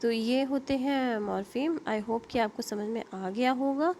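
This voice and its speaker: A woman's voice: fairly high pitch, unhurried, a little mellow, a little hiss or hum. An Indian woman teaching an online linguistics lecture, explaining terms with frequent fillers, self-corrections and checks like "okay?".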